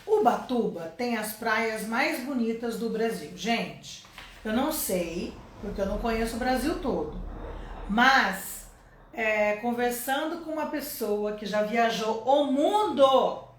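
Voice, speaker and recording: A woman's voice: fairly high pitch, animated, slow, echoey room, a little hiss or hum. A woman from Brazil teaching a casual online English lesson, explaining step by step and checking in with her listeners often.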